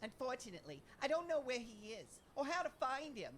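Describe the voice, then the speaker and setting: Woman doing a bright, earnest young would-be inspector. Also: sits high, very animated, brisk, a little hiss or hum. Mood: determined. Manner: theatrical, dramatic sighs and sobs. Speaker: fan voice actor. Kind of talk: fan dub of game dialogue. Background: game music.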